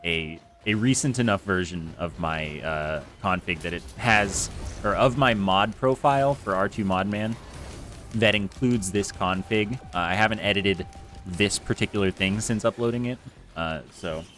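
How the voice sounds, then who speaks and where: Speaking at normal speed in a deep, slightly bright voice, a man chats casually while streaming a game from his home room, where an air conditioner runs. He uses a close desk mic with a foam screen and rambles in a self-deprecating way with many fillers, with soft music in the background.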